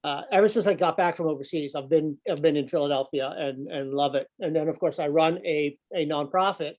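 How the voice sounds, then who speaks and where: Over a laptop-webcam video call from an office room with a window, an older environmental nonprofit director and speaker who grew up overseas gives an informal talk to business people. His voice is a little high, brisk and darkish, the recording muffled, and he leans on fillers and repeated words.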